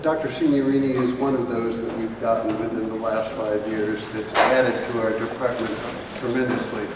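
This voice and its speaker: Man, speaker introduction, relaxed storytelling manner, distant mic, long hall reverb. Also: medium pitch, normal speed. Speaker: faculty colleague introducing the speaker. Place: conference hall. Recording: echoey hall, distant mic, background noise.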